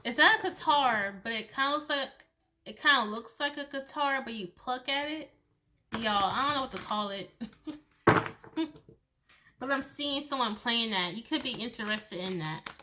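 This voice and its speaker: A woman's voice: a little high, measured pace, noisy background. A woman giving a loose, chatty tarot reading, swearing freely and laughing between thoughts. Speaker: tarot reader. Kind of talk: casual tarot reading monologue.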